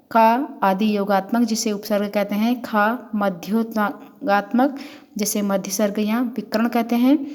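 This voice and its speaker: A woman professor delivers a methodical lecture, moving through numbered points and lists of example words. Her voice sits at a middle pitch for a woman. The sound carries a long reverb, as if recorded in a large hall. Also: darkish tone. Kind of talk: academic lecture.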